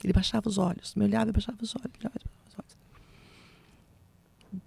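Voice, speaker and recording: A woman telling an emotional personal testimony, slipping into soft whispers and a preaching tone. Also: mid-range voice, steady tone, racing, gravelly, husky. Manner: emotional, drops to soft whispers when recounting quotes; preaching tone on spiritual points. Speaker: guest giving testimony.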